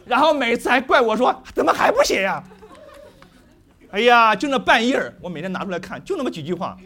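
A middle-aged man preaching with a high voice. His pitch leaps and swoops as he keeps questioning the congregation in a lively way. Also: fast. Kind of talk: sermon.

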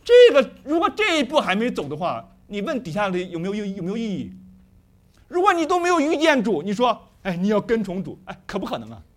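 A man's voice: high-pitched, quick pace. A middle-aged man preaching a sermon, constantly asking the congregation questions. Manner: lively, questioning the congregation often.

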